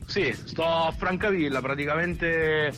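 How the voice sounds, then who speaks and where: A man's voice: on the high side, measured pace, a bit bright, soft background music. Man talking over a speakerphone line. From Abruzzo, Italy. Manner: easygoing, rambling, with many fillers. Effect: heard over a speakerphone call. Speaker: phone-in guest rapper. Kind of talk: casual radio chat.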